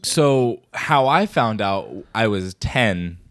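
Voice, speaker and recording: A man's voice: lowish voice, expressive, slow, no echo. Young male co-host, rambling casual storyteller, dry close sound. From American Midwest. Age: young adult. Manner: rambling storyteller, many fillers and restarts. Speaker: podcast co-host. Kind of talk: casual chat.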